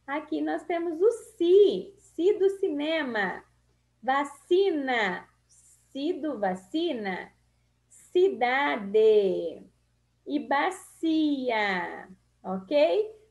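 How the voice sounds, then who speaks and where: A Brazilian woman teacher slowly reading through a children's spelling lesson, drawing out each word in a sing-song way. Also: high voice, darkish tone. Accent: Brazilian Portuguese. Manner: drawn-out, sing-song words for small children. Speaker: primary school teacher. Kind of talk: slow, syllable-by-syllable reading lesson.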